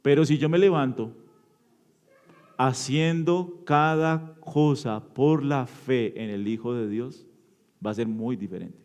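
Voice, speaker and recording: A man stands before his church congregation, asking questions and answering them during an interactive sermon. He is a pastor who takes his time, moving from loud emphatic peaks to quiet, low finishes.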